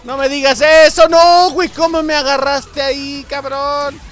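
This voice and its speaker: A young man with a Mexican Spanish accent, giving casual gameplay commentary, excitable, shouting and swearing at the game. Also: very high-pitched, measured pace. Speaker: gaming streamer. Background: game music.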